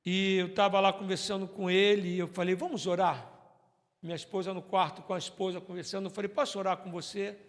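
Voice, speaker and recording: High-voiced Brazilian pastor preaching in a hall. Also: male voice, flat delivery, fairly quick. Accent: Brazilian Portuguese. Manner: swings from loud preaching to hushed storytelling. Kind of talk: sermon with storytelling. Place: church hall. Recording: church sermon recording with long hall reverb.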